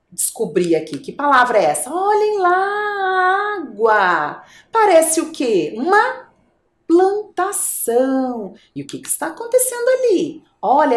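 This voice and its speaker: A woman with a high voice, recorded in an echoey room, speaks with a Brazilian Portuguese accent. She's a primary school teacher giving young children a video lesson, urging them along in a sing-song manner with drawn-out words.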